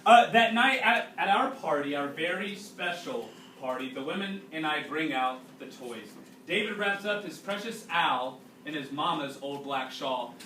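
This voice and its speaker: A teacher with a slightly high, animated voice and a sharp tone reads a storybook aloud to his class, stopping to explain and ask pupils questions. It was recorded indoors in a classroom on a distant mic, sounding roomy with faint background noise.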